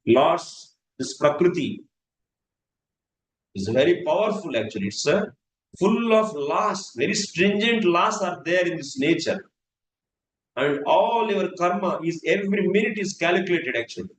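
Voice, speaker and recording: A man's voice: fairly high pitch, lively intonation. Earnest man teaching scripture. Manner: earnest, repetitive, swings between slow and fast. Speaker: spiritual teacher. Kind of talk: scripture class. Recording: echoey room with faint noise.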